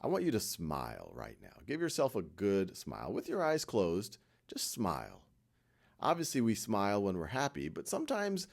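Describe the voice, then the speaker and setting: Speaking in a mid-range voice with vocal fry, a man leads a guided meditation. He sounds gentle and reassuring, pausing often between brief instructions.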